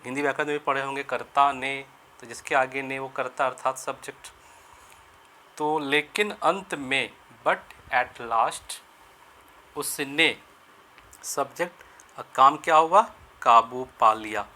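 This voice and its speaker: A man's voice: medium pitch, bright, forceful tone, slight background noise. Man teaching English grammar in Hindi. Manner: explains step by step, slowing to spell out English phrases; repeats and rephrases sentences, asks and answers his own questions. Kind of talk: Hindi-medium grammar lesson.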